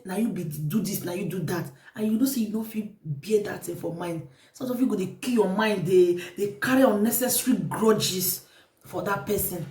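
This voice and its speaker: With a mellow, mid-range voice, this vlogger talks directly to her audience in a Nigerian Pidgin accent, giving casual, exhortative life advice that she repeats often. The mic sits at a distance in an echoey room.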